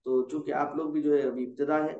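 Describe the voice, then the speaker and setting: A high-pitched man tutors Quran reading, drawing out each letter and coaxing his student along. His voice sounds roomy and a little dull, like a lo-fi call. He corrects gently and repeats until it sticks. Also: flat delivery, quick pace. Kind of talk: patient tutoring over a call.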